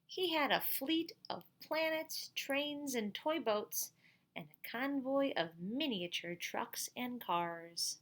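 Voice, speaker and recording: A middle-aged woman reads a picture book aloud like a teacher at storytime, expressive and slow with a slightly high voice. She adds chatty asides and asks young listeners questions.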